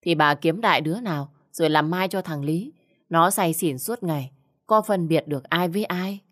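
A woman's voice: on the low side, moderate pace, lightly acted. A woman voicing a sly, evasive middle-aged man who is head of the household in a storybook. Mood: wheedling. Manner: wheedling, evasive.

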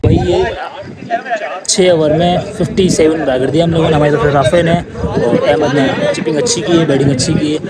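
A man, a player on the team, talking calmly about his side's batting. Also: a little high, normal speed. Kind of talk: casual remarks to camera. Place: indoor cricket arena. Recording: loud crowd noise.

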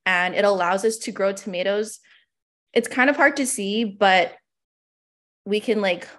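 Young woman farmer presenting casually. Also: mid-range voice. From Hawaii. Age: 20s. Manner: casual, frequent fillers and "like". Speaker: small farm owner. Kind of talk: conference presentation. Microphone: video call.

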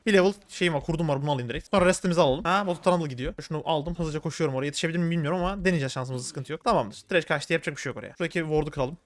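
Male gaming streamer, high voice, very fast play-by-play commentary. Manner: rapid, excitable, slangy, talking to viewers. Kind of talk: live gameplay commentary.

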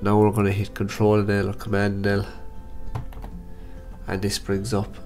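Nasal, gravelly low-voiced man. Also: normal speed, faint music behind. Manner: calm step-by-step instructions. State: nasal, blocked up from hay fever. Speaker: photography tutor. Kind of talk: screen-recorded software tutorial.

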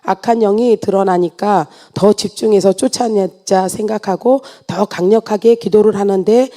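A woman giving an earnest church testimony, read aloud in a steady way with small restarts. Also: mid-range voice.

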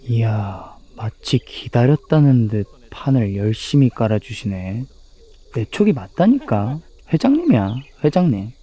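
Dark, husky, sardonic village man. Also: medium pitch, sing-song, unhurried. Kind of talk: web drama acting.

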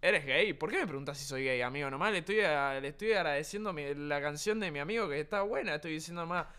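Brash and cursing freely, a young adult from Argentina jokes through a casual livestream from his home streaming room with a green screen, speaking with an Argentine Spanish accent. His voice is on the high side, quick, bright, forceful, clear, and resonant.

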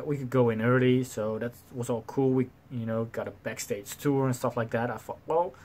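A young man in his twenties casually telling a story to his camera, animated and swearing freely, acting out the people in it, recorded in a small bedroom on a desk webcam. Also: mid-range voice. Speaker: vlogger. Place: small bedroom with slanted ceiling, indoors.

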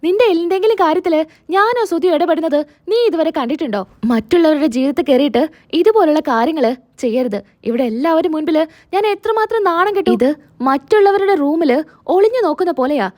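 A woman's voice: high-pitched, lively intonation, fairly quick, a little mellow, no echo. A woman voicing an angry young man who scolds a relative.

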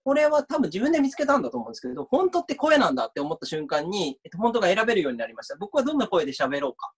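A man's voice: high voice, sing-song, rapid-fire, slightly rough. A university lecturer giving an online mock class, chatty and reading out viewer comments as he talks.

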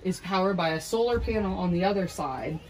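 A woman explains how things work on her property, talking casually and sprinkling in "like" and "you know" fillers. Her voice sits slightly lower than most women's, and she is recorded outdoors. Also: brisk. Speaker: school owner giving a tour.

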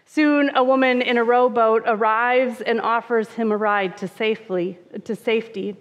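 A woman's voice: a little high, fairly even intonation, normal speed. A woman pastor giving a conversational sermon, with touches of humor and frequent "uh" fillers. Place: church sanctuary. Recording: reverberant, dull church sound.

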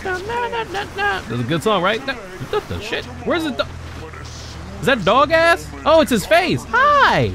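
This is a man streaming a game and giving casual commentary with excitable, joking, swearing reactions. His voice sits high for a man. It jumps around a lot in pitch. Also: slow pace. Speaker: gaming streamer.

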